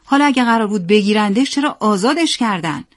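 A woman reading the part of a stern middle-aged dad, anxious, who snaps short orders at his son, a little higher and louder than her plain reading, like in a spoken storybook. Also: lively intonation, close to an everyday voice. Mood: tense. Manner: curt, commanding. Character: stern worried father, chain-smoking, middle-aged man.

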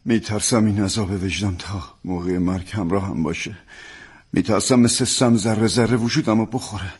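A man's voice: on the low side, a little mellow, husky. An actor playing a tormented preacher father who stammers through nightmares and guilt, in a dubbed drama. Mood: guilty despair. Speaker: dubbing actor.

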